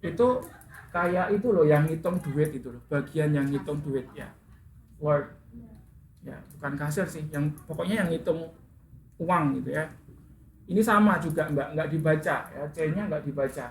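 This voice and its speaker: Pausing often at a measured pace, a man with a somewhat high voice leads an English lesson, asking students questions and correcting how they pronounce words. The classroom sounds echoey, with faint background noise.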